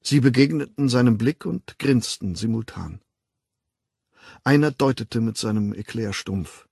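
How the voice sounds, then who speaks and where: Gravelly, husky German audiobook narrator. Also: male voice, medium pitch, no echo, clean studio sound. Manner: measured, expressive reading.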